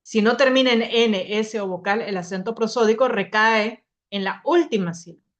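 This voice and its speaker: A woman's voice: medium pitch, normal speed, highs cut off. A young woman teaching a spoken grammar lesson to a class, explaining patiently, often restarting her words.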